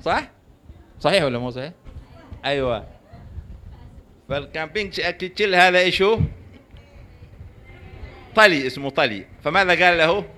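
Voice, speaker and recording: Bright-voiced preacher quizzing his audience. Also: fairly high pitch, animated, moderate pace, long pauses. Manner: rhetorical questions to the audience, prompting answers; storytelling with jokes. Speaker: religious lecturer. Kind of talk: sermon.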